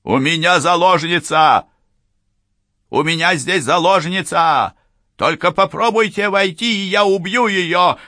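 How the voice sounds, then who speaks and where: A man reading an audiobook, voicing a desperate male killer who yells threats through a door. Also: high voice, unhurried, no echo, clean studio sound, pitched above the performer's own voice. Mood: threatening. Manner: yelling threats.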